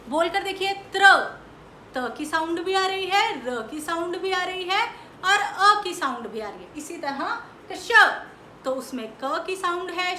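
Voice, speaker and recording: A woman teaching a Hindi lesson to young children. She talks slowly and patiently, sounding out letters and answering her own questions. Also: high-pitched, sharp tone. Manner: slow, patient, asks questions and answers them herself; sounds out letters and stretches syllables. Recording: echoey room with faint background noise.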